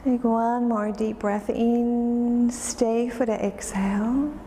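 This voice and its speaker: Slow, mellow woman guiding yoga. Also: a little high. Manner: calm, soothing, unhurried. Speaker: yoga instructor. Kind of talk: guided yoga class instruction. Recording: roomy, reverberant space with faint noise.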